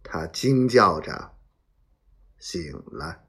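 A man reading a serialized historical novel aloud as a storyteller, dramatic and acting out sound effects in hushed whispers. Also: low-pitched, expressive, very slow.

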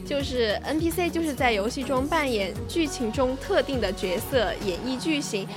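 A woman's voice: high-pitched, expressive, moderate pace. A woman co-hosting a casual podcast chat, playful and giggly. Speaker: podcast co-host. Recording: music playing behind.

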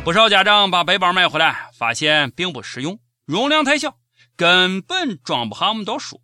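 A man's voice: sits high, big pitch swings, moderate pace, bright, forceful tone, no room sound, studio quality, soft background music. A man with a Shaanxi accent hosting scripted satirical news commentary in a mocking, sarcastic manner. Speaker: host of a comic news show.

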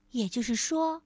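A woman storyteller with a fairly high voice reads a picture book aloud to a child, gently calling the listener "darling." The recording is studio quality, with no echo.

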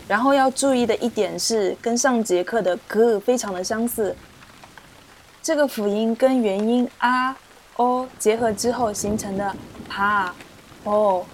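Slow, patient woman teaching pronunciation. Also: mid-range voice, slight background noise. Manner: patient, repeats sounds slowly for learners. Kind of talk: slow, clear teaching explanation with drilled syllables. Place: indoors, rain heard outside.

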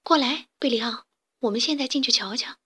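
A woman's voice: high-pitched, fairly quick, sharp tone, slightly rough, heavily acted. A woman playing a curious little boy chick. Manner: curious and wide-eyed. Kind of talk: storybook character voice.

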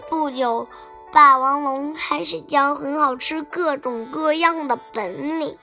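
Brief: woman storyteller for kids, high bright voice, slow sing-song reading, music underneath. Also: creaky. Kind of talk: children's bedtime story narration.

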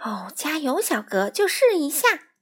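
A woman's voice: sits high, very animated, a little slow, fairly bright tone, voice pushed up, heavily acted. A woman voicing a patient mother frog who coaxes and chants in a sing-song way. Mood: coaxing sing-song. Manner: coaxing, sing-song counting.

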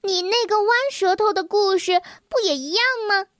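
A woman voicing a gentle, easily worried young male rabbit in a children's storybook, speaking in an anxious, earnest way. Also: very high-pitched, moderate pace, no room sound, studio quality. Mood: teasing. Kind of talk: storybook reading.

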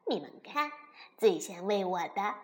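A woman voicing a boastful, smug little male baby ankylosaur who brags in a drawn-out way in a children's storybook. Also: medium pitch, big pitch swings, voice pushed down.

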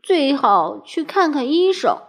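Woman doing skinny sighing storybook man, wistful, high voice. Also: big pitch swings, takes it slowly, heavily acted. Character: very thin man with no appetite, plaintive. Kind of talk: storybook reading.

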